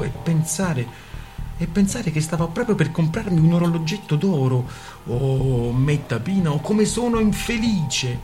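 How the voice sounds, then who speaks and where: Man doing a weepy young woman. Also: gravelly. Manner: plaintive, lamenting, higher pitched. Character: weepy self-pitying young woman, a kept mistress. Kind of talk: audiobook reading.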